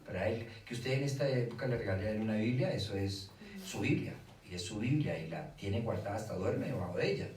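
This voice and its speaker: Brief: Colombian male speaker, lively lecture style, miked from afar in a reverberant room. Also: fairly low pitch, fairly quick. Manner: animated, asks rhetorical questions, acts out dialogue. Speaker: speaker on children's faith. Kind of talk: lecture to a live audience. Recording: echoey room from far off, faint hiss.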